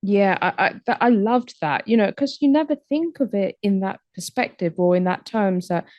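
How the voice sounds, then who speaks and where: A woman podcast host asking questions in a warm, chatty way, full of likes and you knows. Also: medium pitch, animated, moderate pace, dry recording. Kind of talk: podcast interview.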